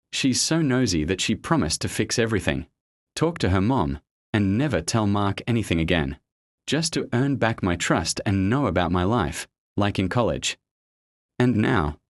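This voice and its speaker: A man narrates a first-person online story in a steady voice, spelling abbreviations out letter by letter. He speaks in a lowish register, and there's no room sound.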